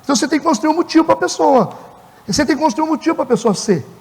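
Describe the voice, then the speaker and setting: A man's voice: very high-pitched, animated, rapid-fire, darkish tone, in a large hall. A man with a Brazilian accent preaching a conversational sermon as pastor. He talks animatedly and acts out little dialogues with different people. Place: church.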